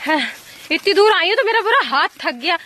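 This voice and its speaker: A woman's voice: extremely high pitch, lively intonation, brisk, sharp tone, a little hiss or hum. A young woman vlogging outdoors in rural fields, chatty and giggly, talking to her viewers. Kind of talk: casual vlog chat outdoors. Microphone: phone camera.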